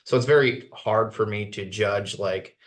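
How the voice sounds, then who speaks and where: Technical staffer: lowish man's voice, matter-of-fact, explains details plainly in a meeting. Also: measured pace, fairly bright tone. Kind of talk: committee meeting discussion. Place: town committee meeting room.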